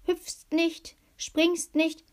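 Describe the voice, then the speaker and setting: A woman's voice: very high-pitched, level tone, extremely slow, voice pushed up, exaggerated voice. A woman voicing a plump, cheeky female luck fairy in a storybook reading, with a sing-song, teasing manner.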